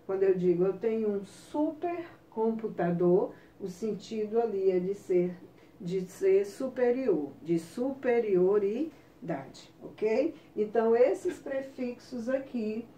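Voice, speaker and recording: A woman's voice: medium pitch, lively intonation, mellow, recorded from a distance. A woman teacher with a Brazilian Portuguese accent, patiently explaining a lesson and checking in with her class often. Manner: slow, patient explaining with frequent check-ins. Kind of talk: recorded online class lesson. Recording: roomy, off-mic with faint ambience.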